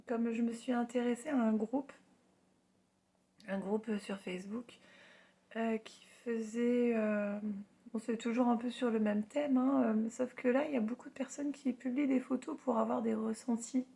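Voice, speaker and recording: Casting: woman vlogger, fairly high but mellow voice, congested and hoarse as if it is giving out, halting, modest storytelling. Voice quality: hoarse, worn voice with little power; nasal, congested. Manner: halting, self-deprecating. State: has a heavy cold, voice giving out. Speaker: spiritual medium vlogger. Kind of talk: casual personal storytelling to followers.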